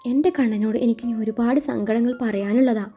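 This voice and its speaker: Woman reading an anxious young woman, pleading, soft music behind. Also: on the high side, steady tone, brisk, breathy edge. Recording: muffled recording with soft music.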